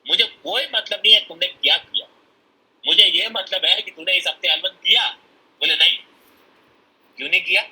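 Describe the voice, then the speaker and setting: A man's voice: high-pitched, moderate pace, bright, forceful tone, husky, poor audio. A man giving a blunt, emphatic motivational talk at a business seminar. He mixes in English phrases and acts out people's excuses as he goes.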